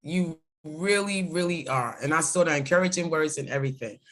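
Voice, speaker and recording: Woman, effusive, repeats herself, bright voice, video call. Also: sits low, brisk. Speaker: group member. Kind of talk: warm group praise on a video call.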